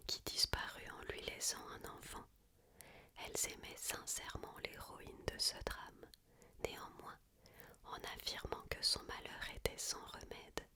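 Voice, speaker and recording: A woman reads a book aloud as ASMR in a hushed, unvoiced library whisper, phrasing each sentence with care. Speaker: ASMR reader.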